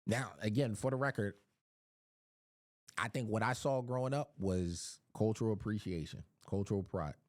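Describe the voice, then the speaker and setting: A man's voice: fairly low pitch, moderate pace, no echo. A man from Philadelphia giving a casual Bible teaching, often repeating words as he searches for his phrasing.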